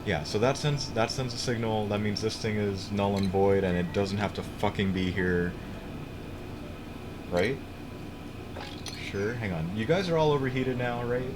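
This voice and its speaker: Over a noisy background, a young man from the United States talks through a game on his live stream in a fairly low voice, speaking at a measured pace with frequent pauses. He rambles, curses, and keeps starting his sentences over.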